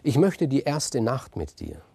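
A man's voice: mid-range voice, big pitch swings, unhurried, gravelly, warm tone, breathy edge, exaggerated voice. A man voicing a lecherous old sea god who bargains slyly, in a told myth.

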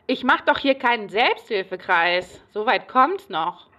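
A woman's voice: on the high side, lively intonation, unhurried, sharp tone, recorded from a distance. An agitated, paranoid patient rambles and repeats herself obsessively in a radio play monologue. She is recorded a little way back from the microphone.

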